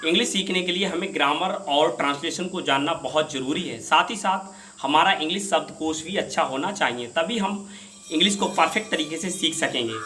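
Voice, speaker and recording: A man explaining English words and their meanings in a patient lesson, repeating each word slowly. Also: fairly high pitch, bright, forceful tone, a little hiss or hum. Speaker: English vocabulary teacher.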